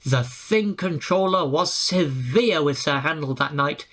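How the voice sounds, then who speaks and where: A man's voice: fairly high pitch, measured pace, a bit bright. A man reading a storybook aloud and putting on voices for the engines and coaches. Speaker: storybook narrator.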